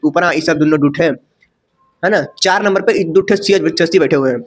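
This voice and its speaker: A man's voice: fairly high pitch, moderate pace. A man. He talks in a chatty way, throws rhetorical questions at his students and corrects himself as he writes. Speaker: teacher. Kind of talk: casual chalkboard lecture.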